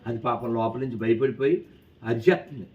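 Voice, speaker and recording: A man telling a lively moral story to schoolchildren in an animated, coaxing way, quizzing them as he goes. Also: mid-range voice, fairly quick. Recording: distant, dull with faint noise.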